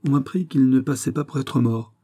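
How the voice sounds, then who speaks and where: A man's voice: medium pitch, brisk, warm tone, pitched above the performer's own voice, lightly acted. A man reading a scheming older duchess from a classic novel, with a confiding, insinuating manner.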